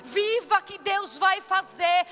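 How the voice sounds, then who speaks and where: A woman's voice: extremely high pitch, lively intonation, slow pace, sharp tone. A woman preacher giving a fervent, exclamatory testimony sermon to her church congregation. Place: church service.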